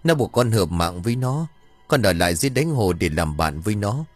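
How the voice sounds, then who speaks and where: Một người đàn ông đọc lời hồn ma cậu bé chết đuối nhập vào bà đồng, giọng buồn bã, dặn dò. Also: male voice, fairly low pitch, very animated, brisk, no room sound, faint music behind. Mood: sorrowful. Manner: mournful, gently admonishing. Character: drowned boy's ghost speaking through an old woman.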